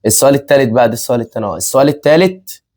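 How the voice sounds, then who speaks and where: With lively intonation and a darkish, medium-pitched voice, a man in his twenties talks at rapid-fire speed. Co-hosting a family vlog in an Egyptian Arabic accent, he chats casually with viewers, repeating himself and laughing often.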